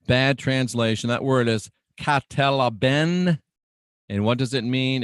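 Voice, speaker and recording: A middle-aged radio preacher and show host teaches in a dramatic, emphatic style, repeating phrases for weight. His voice is mid-range, recorded in clean studio sound with no echo.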